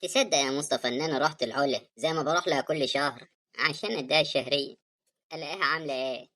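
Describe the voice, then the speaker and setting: A woman voicing a grieving sister in an animated drama, speaking Egyptian Arabic in a tearful, reproachful way. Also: low-pitched. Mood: sad, upset. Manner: tearful, reproachful, fast talking. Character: grieving woman, hurt and bitter over her dead brother.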